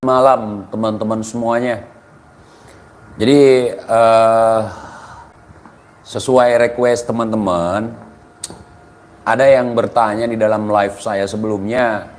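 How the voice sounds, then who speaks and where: Slow, measured man commenting live. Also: fairly low pitch, steady tone, a little mellow. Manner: measured and deliberate, addresses viewers directly.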